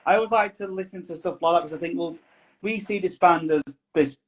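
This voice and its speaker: A man's voice: sits high, fast. A man, a musician guest on a podcast, talking in a rambling, thoughtful casual chat. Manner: rambling, thoughtful, many restarts.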